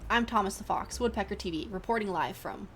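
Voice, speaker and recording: A woman's voice: mid-range voice, a little fast, a little hiss or hum, natural voice. A woman doing an eager fox reporter voice. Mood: reporting. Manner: loud, formal broadcaster delivery. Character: eager young male fox news reporter.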